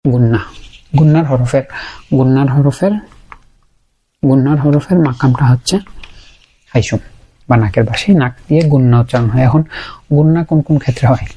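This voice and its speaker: This Quran pronunciation teacher speaks with a Bangladeshi Bengali accent in a mellow, medium-pitched voice, brisk yet broken by long pauses. Explaining as he goes, he patiently repeats every sound to show how it's said.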